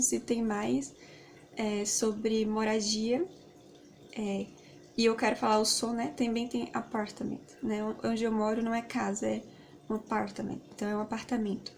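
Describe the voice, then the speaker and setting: A woman's voice: fairly high pitch, creaky, slight background noise. A Brazilian woman whose first language is Portuguese, giving a casual English lesson with many fillers and tag questions. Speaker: English teacher.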